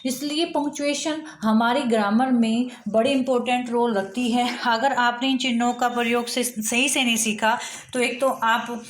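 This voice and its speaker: A woman's voice: on the high side, fairly even intonation, normal speed, roomy sound. A woman teaching a grammar lesson to students in mixed with English words, explaining step by step with spoken examples.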